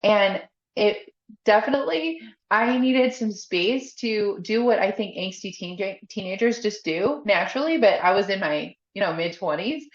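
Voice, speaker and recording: A woman's voice: medium pitch, expressive, normal speed. A woman guest on a podcast talking candidly in a casual chat, laughing often and saying "like" a lot. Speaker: podcast guest, faith coach. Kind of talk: casual conversational interview. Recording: echoey, slightly dull podcast audio.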